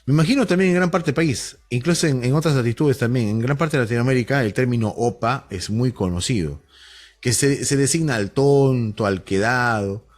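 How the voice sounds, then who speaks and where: A man from Huánuco with a Peruvian Spanish accent, teaching an online class in a jokey, animated way and acting out bits of street slang. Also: medium pitch, normal speed. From Huánuco, Peru.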